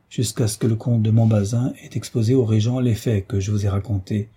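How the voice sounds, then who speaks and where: A man's voice: mid-range voice, warm tone, husky. A man voicing a respectful, earnest young page in an audiobook story.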